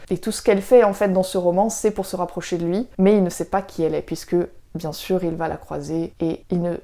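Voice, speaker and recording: A woman's voice: fairly low pitch, dark tone. A French woman chatting casually as a book reviewer, amused as she recommends novels to her viewers. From France. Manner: chatty, conversational, amused by the story.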